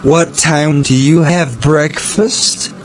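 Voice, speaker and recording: A man's voice: a little high, steady tone, takes it slowly, creaky, faint music behind. A man asking simple scripted questions in a repeated language-practice dialogue.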